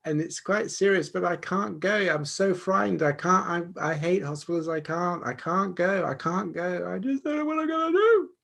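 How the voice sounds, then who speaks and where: Man voicing a frightened friend, high-pitched, pleading, panicky, husky. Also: normal speed, hardly any pauses, fairly bright tone, full character voice. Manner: pleading, panicky, repeating himself. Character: frightened friend facing an operation, any sex.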